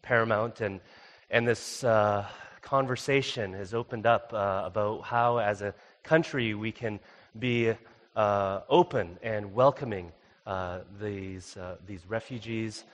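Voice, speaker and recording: A man's voice: on the low side, measured pace. Young male guest preacher, chatty storytelling style, church reverb. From Canada. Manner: casual, many fillers, animated when telling the story. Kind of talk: storytelling sermon. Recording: long reverb of a church hall.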